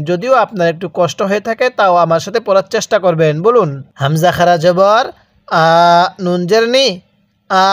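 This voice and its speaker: A man's voice: sits high, no echo, clean studio sound. A man teaching Quran reading step by step, stretching out each syllable and prompting the learner to repeat after him. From Bangladesh. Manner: drawn-out slow syllables, repeats and prompts learner to read along. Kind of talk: step-by-step recitation lesson.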